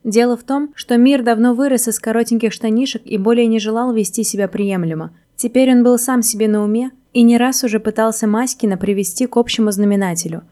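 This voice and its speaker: A woman narrating a whimsical storybook in an even, wry reading manner. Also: a little high, fairly quick, few pauses. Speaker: audiobook narrator.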